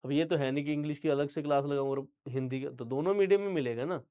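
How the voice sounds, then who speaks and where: A young Punjabi-speaking man from Punjab, India, teaches general knowledge online, talking straight to his students and checking in with them often. He repeats "theek hai" frequently. His voice is a little high and he talks fast, with phone-quality sound.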